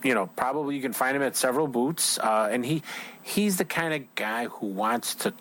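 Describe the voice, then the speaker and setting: A man's voice: medium pitch, moderate pace, a bit bright. A man hosting an outdoors show, chatting casually with a guest at a trade show, rambling with lots of fillers.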